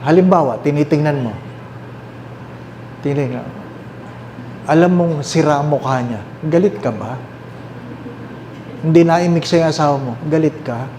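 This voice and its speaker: Filipino priest guy preaching, slightly high voice, roomy echo, faint hum behind. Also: mellow. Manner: mixes English and Tagalog, asks the listeners questions; repeats key phrases slowly. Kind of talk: sermon.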